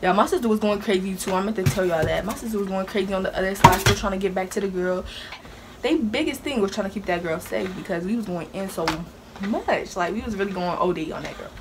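Animated young woman telling a story. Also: medium pitch, fast. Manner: animated, dramatic retelling with laughs. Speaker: vlogger. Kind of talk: casual storytime. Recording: steady background hiss.

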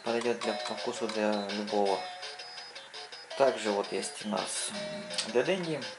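A man giving casual gameplay commentary as a console reviewer, thinking aloud haltingly as he plays. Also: lowish voice, vocal fry. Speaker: video game console reviewer. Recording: loud game music behind voice. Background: loud video game music.

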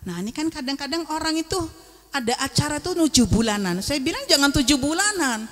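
A woman preacher, giving a joking, lively sermon at a religious gathering over a handheld microphone. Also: sits high, fast, in a large hall. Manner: joking, lively, slips into Javanese. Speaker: female Islamic preacher. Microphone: handheld microphone on a sound system.

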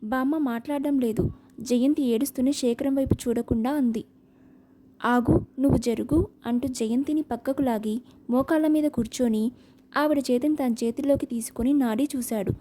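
A woman narrating an audiobook novel with a steady, expressive reading. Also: high-pitched, normal speed, slight background noise.

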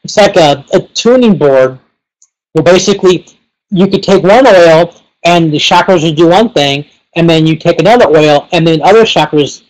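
A man's voice: fairly high pitch, expressive, moderate pace, poor audio. A man giving a casual webinar lesson, rambling and leaning heavily on fillers like "you know" and "like". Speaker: pranic healing teacher.

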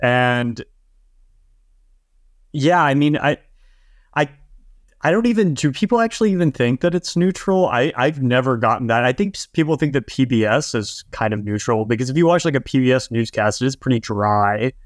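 A man's voice: medium pitch, expressive, moderate pace, no room sound, clean studio sound. A man co-hosting a podcast, rambling casually with frequent laughs and filler words. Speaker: podcast co-host. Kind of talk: casual panel chat.

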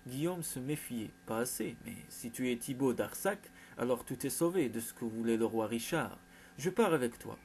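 A determined young noblewoman in disguise, as a male storyteller reads her, speaking earnestly and with resolve. The voice stays at a plain middle pitch. A faint hum sits behind it. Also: expressive, moderate pace, vocal fry, a little mellow. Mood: resolute.

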